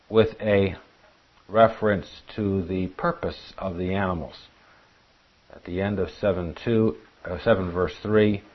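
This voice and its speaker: A man teaching a Bible class, reading scripture aloud and asking his listeners earnest rhetorical questions. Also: sits low. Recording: dull lo-fi recording.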